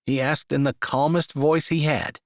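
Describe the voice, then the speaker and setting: A man narrating a romance audiobook with expressive, rising and falling storytelling on a close studio mic. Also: on the high side, moderate pace, no room sound.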